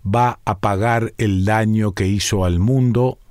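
A man voicing a cunning, stubborn male tinker in a read-aloud folk tale, speaking in a calm, sly, matter-of-fact way. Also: on the low side, unhurried, dry recording, clean studio sound, natural voice.

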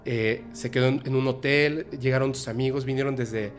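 A man hosting a podcast, telling a personal story in a halting, emotional way with many restarts. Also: mid-range voice, steady tone, faint music behind. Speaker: podcast host. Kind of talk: personal storytelling in a casual chat.

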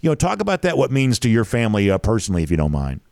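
A man's voice: fairly low pitch, wildly swooping pitch, racing, gravelly, darkish tone, no echo, clean studio sound. A man hosting a casual interview, asking long, winding questions in a wordy, conversational way. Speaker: interview host.

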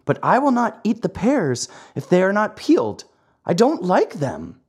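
A narrator voicing a whiny, excitable wooden puppet boy in a children's storybook, fussy and full of complaint. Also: medium pitch, unhurried, husky, voice pushed up, exaggerated voice. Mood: fussy, stubborn. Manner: wailing, breathless childlike complaining. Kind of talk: children's storybook character acting.

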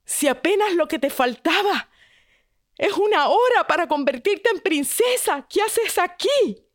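A woman's voice: very high-pitched, expressive, unhurried, no echo, studio quality, pitched above the performer's own voice. A woman voicing a princess's astonished father in a told story. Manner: astonished, questioning.

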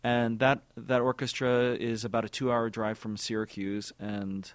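A man in his forties, an orchestra music director, answering interview questions in a thoughtful, halting way with many repeated words and fillers. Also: mid-range voice, little pitch movement, no echo.

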